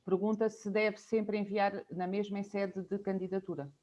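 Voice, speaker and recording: A woman's voice: mid-range voice, flat delivery, moderate pace, darkish tone. A woman with a European Portuguese accent moderating a webinar, reading out audience questions with hesitant "eh" fillers. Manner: hesitant, fills with "eh". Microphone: video call.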